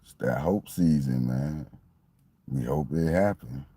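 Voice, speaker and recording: Speaking slowly in a very deep, mellow, slightly rough voice, a Miami fan in his late forties talks football in a meandering, conversational way. He keeps circling back over the same points about his team, and the recording is dry.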